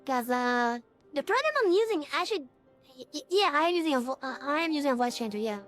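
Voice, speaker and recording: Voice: high-pitched, lively intonation, quick pace, fairly bright tone, faint music behind. A game streamer talking through a real-time voice changer in rambling casual chat, full of fillers and restarts.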